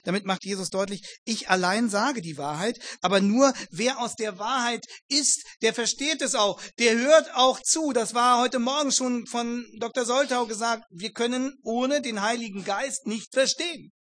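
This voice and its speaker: High-voiced man preaching earnestly. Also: moderate pace, few pauses, a bit bright. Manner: earnest, addresses listeners formally, builds emphatic repetitions. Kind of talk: Bible exposition sermon.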